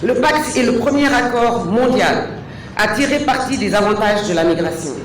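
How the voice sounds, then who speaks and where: A woman's voice: fairly high pitch, expressive, moderate pace, a little hiss or hum. A woman, an international agency official, giving a formal, read-out speech. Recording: echoey hall, distant mic.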